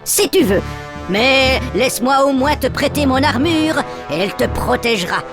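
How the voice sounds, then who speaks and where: A woman's voice: sits high, lively intonation, moderate pace. A woman voicing a king in a cartoon who speaks down to a boy. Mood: condescending. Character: king, condescending then respectful. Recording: cartoon with music behind.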